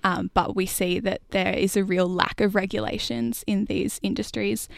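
A woman's voice: mid-range voice, fairly even intonation, normal speed, vocal fry, no room sound, studio quality. A young woman researcher being interviewed, explaining things informally in plain words. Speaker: PhD researcher, interview guest.

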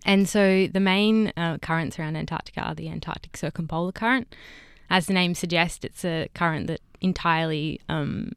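A young woman, a PhD candidate who also co-hosts the show, explains science informally and spontaneously as an interview guest. Her voice is lowish, steady and resonant, with a moderate pace and few pauses, captured clearly in studio quality without room sound.

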